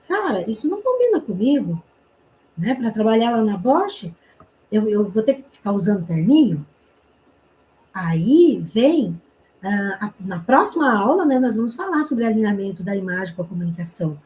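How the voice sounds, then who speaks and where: A Brazilian woman from the interior of Paraná teaching a communication class. Her voice sits high but has a mellow, dark tone. She talks in a chatty way, checks in with her listeners, and slips into quick bits of acted-out dialogue. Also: sing-song, rough recording. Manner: chatty, frequent "né?" tags, quick reenacted dialogue. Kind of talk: personal story in an online class.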